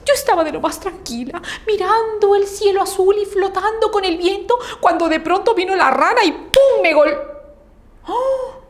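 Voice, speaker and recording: Woman playing a squeaky, indignant storybook cloud. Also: normal speed. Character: upset chatty female cloud, high-pitched.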